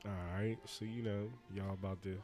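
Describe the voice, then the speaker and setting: A young man in a casual podcast chat, telling stories in a relaxed way. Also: fairly low pitch, moderate pace, faint music behind.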